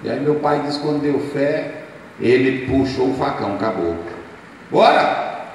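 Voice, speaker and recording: Animated Brazilian pastor preaching in echoey hall. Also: male voice, medium pitch, moderate pace, distant mic, a little hiss or hum. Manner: animated storyteller, acts out dialogues. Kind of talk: sermon. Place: church hall.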